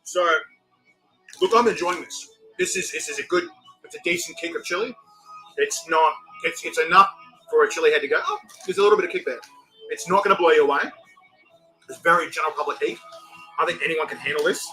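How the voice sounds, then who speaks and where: A man with a New Zealand accent chats casually as a review host. His voice is bright and a little high, with faint music behind it. He rambles and circles back over his phrases. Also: a little fast, long pauses, rough recording. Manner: rambling, repeats himself. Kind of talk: casual live review chat.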